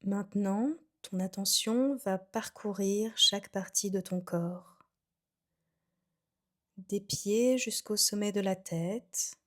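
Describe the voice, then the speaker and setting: A female yoga nidra instructor leads a guided meditation in a mid-range voice, calm and unhurried. Her soothing instructions tend to trail off softly at the end of phrases.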